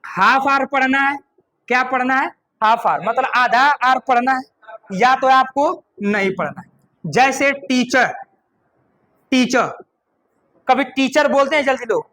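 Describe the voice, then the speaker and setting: High, bright-voiced man teaching grammar. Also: unhurried, rough recording. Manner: repeats points and keeps asking "ठीक है ना"; asks the class questions and answers them himself. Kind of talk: classroom lecture.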